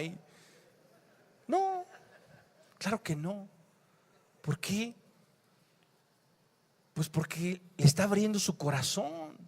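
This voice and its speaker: A male pastor, preaching a sermon that swings between loud emphasis and hushed scripture reading. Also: high voice. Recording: long hall reverb.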